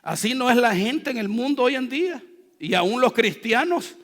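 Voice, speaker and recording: A man preaching a sermon as pastor, leading the congregation in call-and-response and swinging between quiet asides and loud, fervent exhortation. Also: very high voice, animated, moderate pace. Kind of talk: Spanish-language church sermon. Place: church sanctuary. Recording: long reverb of a church hall.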